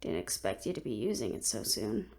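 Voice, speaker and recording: In an audio roleplay, a woman voices a composed, protective fantasy adventurer, fully in character and soft-spoken, with a creaky, bass voice. She sounds easygoing, teasing and fond, speaking a little fast in a sing-song way with no echo.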